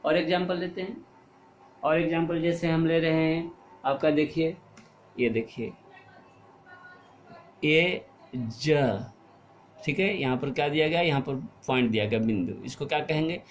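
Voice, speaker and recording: A man gives a Hindi grammar lesson to children, his voice sitting a little high. He keeps asking a question and then answering it himself, and he stretches the example sounds out slowly. The recording is echoey, with faint ambient noise behind him. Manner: asks questions and answers them himself, repeating key words; slow, drawn-out stress on example words. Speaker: teacher. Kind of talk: grammar lesson for young pupils.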